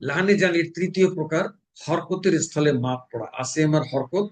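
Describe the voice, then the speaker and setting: A man from Bangladesh teaching Quran recitation, explaining pronunciation rules and slowly chanting example verses. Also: a little high, poor audio. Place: mosque.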